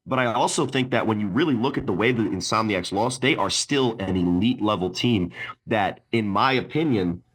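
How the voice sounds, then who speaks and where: A man's voice: lowish voice, moderate pace. A man co-hosting a casual sports podcast, arguing bluntly and swearing, often restarting with repeated words. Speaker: podcast co-host.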